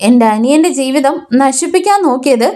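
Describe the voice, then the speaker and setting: This is a furious young woman from a television serial, storming at her rival with blunt accusations, as a woman retelling the episode puts her on. The voice sits high. She is angry throughout. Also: lively intonation, brisk. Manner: shouting accusations.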